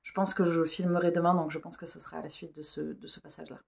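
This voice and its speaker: Low-voiced woman rambling in vlog chat. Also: little pitch movement, fast talker, gravelly. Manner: informal, hesitant, thinking aloud. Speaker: vlogger.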